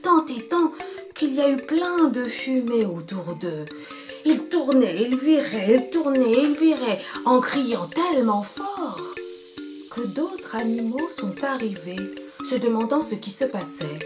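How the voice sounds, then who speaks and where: A woman telling a folktale to children in an expressive, rhythmic, sing-song way. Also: a little high, slow pace. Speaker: storyteller. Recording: music playing behind.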